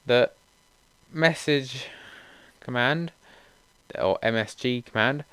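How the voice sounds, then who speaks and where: A young man hosting a gaming channel, reading out update notes in a steady run with casual asides. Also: medium pitch, takes it slowly, smooth, dry recording.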